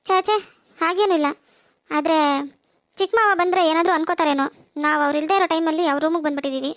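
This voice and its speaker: A shy, polite young woman in a cartoon, voiced by a woman speaks in a very high, light voice. She sounds soft-spoken, and the recording is dry and close. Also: fairly even intonation, fast talker, dry recording. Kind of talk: cartoon voice acting.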